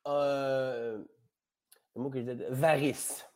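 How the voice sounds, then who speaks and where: This podcast guest has a Québécois French accent and a mid-range, darkish voice, delivered flatly at a slow pace. His casual conversation is rambling and playful, and he swears freely.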